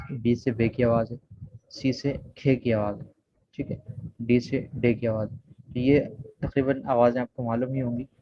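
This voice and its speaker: A man's voice: mid-range voice, dark tone. A man with an Urdu accent teaching a beginner English lesson online, patient and repetitive as he explains sounds and words. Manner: patient, repeats "theek hai" often. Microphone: video call. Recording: dull, dry video call audio.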